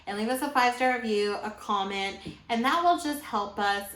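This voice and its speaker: A woman's voice: a little high, moderate pace, a bit bright. A woman co-hosting an investing podcast, chatting with upbeat enthusiasm. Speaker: podcast co-host. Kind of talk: casual podcast chat. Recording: roomy echo.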